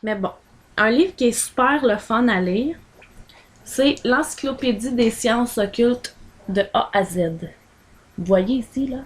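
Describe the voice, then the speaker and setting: A woman's voice: fairly high pitch, unhurried, a little hiss or hum. A woman with a Québécois accent, chatting casually in a home vlog and rambling with many fillers as she holds items up to the camera. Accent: Québécois French. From Quebec. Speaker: vlogger recommending books.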